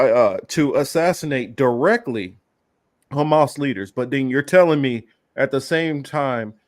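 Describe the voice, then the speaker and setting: A man's voice: mid-range voice, no room sound. A man co-hosting a casual political talk, rambling and emphatic, with many fillers and restarts. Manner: heated, emphatic. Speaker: podcast co-host.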